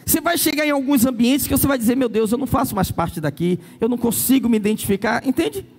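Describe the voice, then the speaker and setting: A man's voice: extremely high pitch, fast talker, a little mellow. A Brazilian pastor preaching a sermon, telling stories and acting out the people he quotes. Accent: Brazilian Portuguese. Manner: storytelling preacher, acts out quoted voices.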